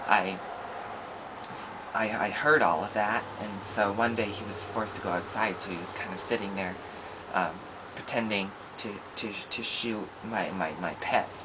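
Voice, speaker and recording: A man's voice: fairly low pitch, noisy background, natural voice. Man playing a shy, friendless schoolboy. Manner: hesitant and rambling, many ums and restarts. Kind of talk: improvised comedy monologue.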